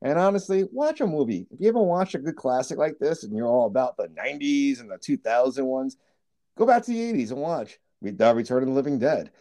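A man's voice: medium pitch, very animated, quick pace, mellow. A man co-hosting a horror movie podcast, chatting casually and teasing his co-host, often laughing.

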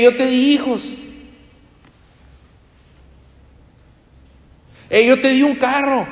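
A man voicing God as a stern, demanding judge who questions and scolds, rising to near shouts. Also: high voice, reverberant, big-room sound, voice pushed up.

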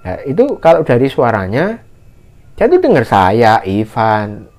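A man telling a mountain story in casual conversation, acting out the shouted lines of others in a raised voice. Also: a little slow. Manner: animated, acts out shouted quotes in a higher voice. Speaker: guest storyteller. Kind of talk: casual spoken horror story.

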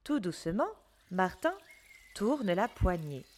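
A woman storyteller reading a children's story aloud, gentle and expressive. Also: on the low side, slow pace.

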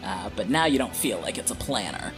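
A man acting as game master, improvising scene narration for a tabletop game in a halting, drawn-out way. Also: fairly low pitch, very animated. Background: guitar music.

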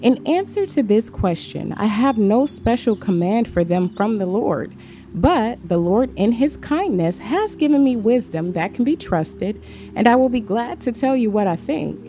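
A woman giving a measured, steady scripted Bible reading. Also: on the high side, slight background noise. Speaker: scripture reader. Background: faint background music.

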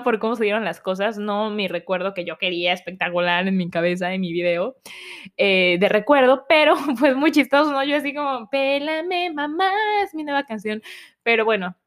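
Young Mexican woman vlogger, lively storyteller, voice a bit high, Mexican accent. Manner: animated, acts out voices of family, laughs often. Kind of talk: casual storytelling to viewers.

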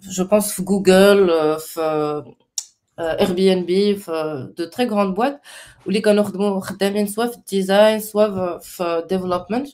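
Moroccan accent lady chatting casually, normal pitch, drops in english and french words. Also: fast, a little mellow. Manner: mixes Arabic with English and French terms. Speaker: panel participant sharing recommendations. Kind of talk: casual talk about design resources.

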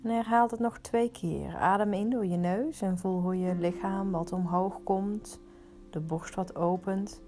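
A woman leading a guided meditation, giving soothing, unhurried instructions with pauses. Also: medium pitch, darkish tone, soft background music.

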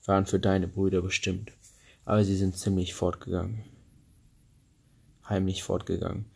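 A sorrowful queen mother from a fairy tale, read by a man in a deep, level, gravelly voice. The words come out slow and flat, with a husky edge. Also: heavily acted. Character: grieving queen mother, gentle.

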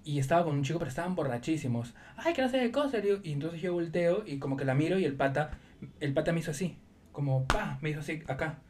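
A man chatting on a podcast at a quick clip, his voice pitched a little high for a man. He tells anecdotes with energy and slips into the voices of people he quotes. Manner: lively storyteller who acts out quoted speech. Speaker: podcast co-host. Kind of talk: casual podcast chat.

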